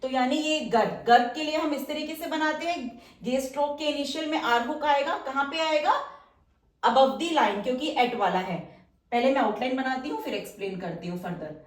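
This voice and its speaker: A woman with a high voice teaches shorthand patiently, walking through each outline step by step. She repeats words slowly while she writes. Her voice comes from a little way off the mic in a roomy, echoing space. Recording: roomy echo, mic somewhat distant.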